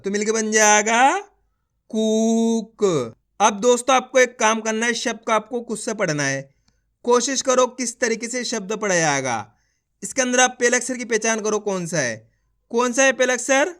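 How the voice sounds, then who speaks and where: A man's voice: high voice, a bit bright, smooth. A man teaching beginners to read, sounding out syllables one by one and blending them into words while encouraging his viewers. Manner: encouraging, repeats instructions to viewers. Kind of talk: beginner reading lesson.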